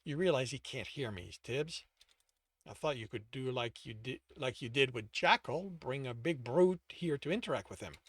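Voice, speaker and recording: A man's voice: medium pitch, expressive, normal speed, fairly bright tone, dry recording. A man playing a patient adventurer teammate. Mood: calm.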